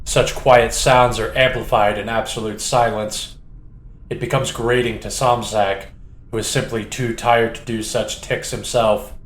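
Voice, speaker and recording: A man narrating an audiobook in a steady, descriptive manner. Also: mid-range voice, unhurried. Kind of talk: scripted narration. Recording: roomy echo.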